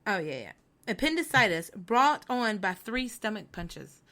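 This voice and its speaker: Excitable bright-voiced woman co-host. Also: mid-range voice, a little slow. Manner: excitable, laughs often. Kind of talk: casual chat.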